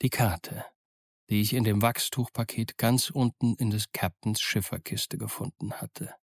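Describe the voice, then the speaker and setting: A man reading a classic adventure novel aloud as a steady first-person narrator. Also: fairly low pitch, measured pace, vocal fry, dry recording, studio quality. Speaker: audiobook narrator. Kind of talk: scripted narration.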